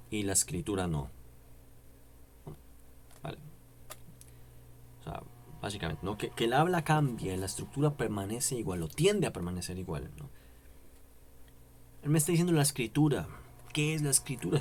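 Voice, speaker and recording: A man's voice: mid-range voice, slight background noise. A man giving a casual, rambling philosophy lesson to camera, asking many tag questions and repeating "no" for emphasis. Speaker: philosophy YouTuber. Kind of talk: casual explanatory lecture to camera.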